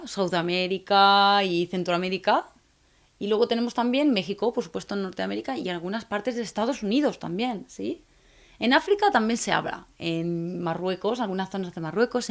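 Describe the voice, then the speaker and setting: A woman from teaching Spanish to learners, speaking slowly and clearly and often checking in with the viewers. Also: mid-range voice. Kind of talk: scripted video lesson for learners.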